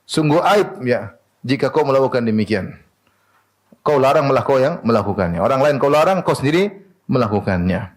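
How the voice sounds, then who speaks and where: A man preaching a sermon in an animated way, asking rhetorical questions and answering them himself. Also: medium pitch, fairly quick.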